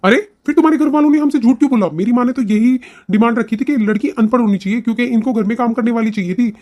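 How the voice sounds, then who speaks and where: Supportive young cartoon husband, rapid and eager, as a performer voices him. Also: mid-range voice, fairly even intonation, a little mellow, lightly acted. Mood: surprised. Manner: fast, eager, reassuring. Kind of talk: cartoon voice acting.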